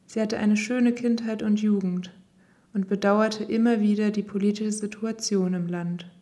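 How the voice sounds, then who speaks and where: A woman reading a personal first-person text aloud in a calm, even, reflective way. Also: medium pitch. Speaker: reader.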